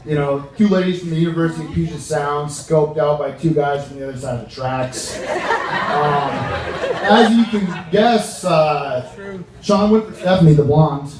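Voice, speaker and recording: A young American man delivers a casual best man's toast in a slightly high voice, halting and joking as he goes. He is heard at a distance in a heavily echoing room, with a clearly audible crowd around him. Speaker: best man giving a wedding speech. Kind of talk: informal wedding toast. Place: large reverberant room with a reacting crowd. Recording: echoey room, distant mic, audience noise.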